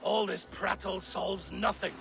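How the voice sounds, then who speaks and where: Battle-hungry warrior god, very high forceful pitch, gravelly, blustering, video game drama, faint background noise. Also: male voice, flat delivery, measured pace, exaggerated voice. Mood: impatient, scornful. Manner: blustering, impatient.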